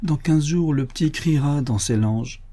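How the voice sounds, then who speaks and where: A fretful, devout peasant mother from an old storybook, put on by a man reading aloud. Her voice sits a touch higher than his usual one, dark and husky, with a pleading, sighing manner. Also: a little slow. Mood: sorrowful. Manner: pleading and tearful.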